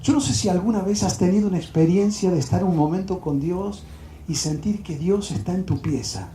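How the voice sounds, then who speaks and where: A man with a Uruguayan accent, giving a storytelling sermon to young people in a dramatic, animated way. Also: high-pitched, brisk, a little hiss or hum. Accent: Uruguayan Spanish. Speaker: speaker at youth event. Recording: echoey hall.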